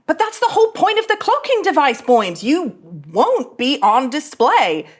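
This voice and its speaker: A woman with a high voice, speaking at a moderate pace, plays a cocky, teasing young starship officer during a table read for a sci-fi cartoon. Her delivery is casual and excitable.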